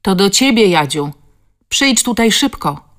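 A woman's voice: mid-range voice, very animated, measured pace, fairly bright tone, pitched above the performer's own voice. Audiobook granny, elderly and distrustful, clipped and defensive in a lifted voice; woman narrator voicing. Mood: urgent. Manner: curt, defensive. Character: suspicious, stubborn elderly village grandmother.

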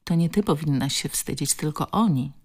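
Gruff tough woman, played by the female reader, low, guttural, commanding. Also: moderate pace, darkish tone. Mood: gentle. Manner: booming, guttural, scolding. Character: tough rough-spoken woman defending a child.

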